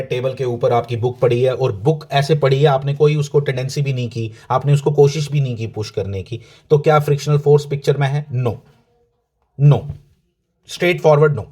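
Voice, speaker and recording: A man's voice: mid-range voice, steady tone, moderate pace, a little mellow. A male physics teacher explaining a lesson to his students in a casual, direct way, mixing English terms into his speech, repeating key points and asking questions that he answers himself.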